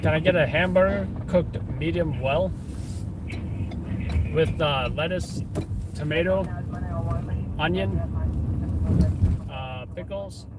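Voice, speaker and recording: A man's voice: on the high side, slow pace, pauses often, far from the mic. A man politely placing a food pickup order from inside a moving car, listing the burger toppings one by one. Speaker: livestreamer. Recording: loud street and traffic noise.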